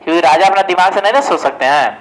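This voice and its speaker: High pitched guy with a lilt doing a chatty exam coaching lesson, keeps quizzing himself. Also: racing, rough recording. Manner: asks questions and answers them himself, often says "ठीक है". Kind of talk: casual exam-prep lecture.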